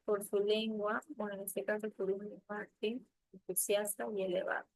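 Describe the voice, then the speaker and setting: A woman's voice: medium pitch, no room sound, poor audio. Woman teaching a class, dry close sound. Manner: checks in often with a questioning "ya?"; explains slowly and patiently with examples. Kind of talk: recorded literature lesson.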